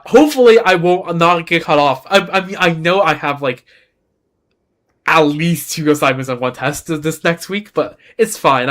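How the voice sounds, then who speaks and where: With a slightly high, somewhat bright voice, a young game streamer from Beijing chats casually. He is a native Chinese speaker who wanders in his talk and corrects himself along the way.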